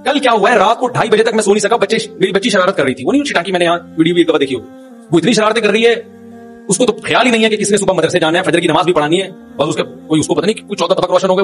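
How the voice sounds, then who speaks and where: A middle-aged Islamic cleric, whose voice sits high, gives an informal religious talk. He tells stories with humor and chuckles along the way.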